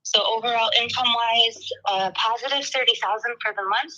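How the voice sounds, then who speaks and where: A woman calls in on a speakerphone to go through a financial report. Her voice is very bright and sharp. She moves through the figures item by item in a steady, businesslike way. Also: fairly high pitch, brisk, muffled recording. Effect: heard over a speakerphone.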